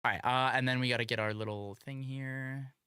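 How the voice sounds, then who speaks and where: A streamer chatting casually and reacting in an expressive, slangy, exclamatory way. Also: mid-range voice, a little fast, clean tone, dry recording.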